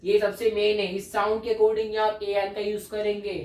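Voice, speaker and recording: A man's voice: high voice, monotone, moderate pace, soft background music. A man teaching English grammar, explaining patiently, repeating key points and checking often that students follow. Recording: echoey room from a distance.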